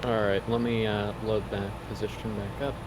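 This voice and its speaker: A young man with a somewhat low voice answers briefly and slips in dry, wry jokes while he plays. His tone stays easy and casual. The clear drone of air conditioning sits behind him throughout. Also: little pitch movement, normal speed, background noise. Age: young adult. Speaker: guest learning a speedrun. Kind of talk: casual gameplay chat.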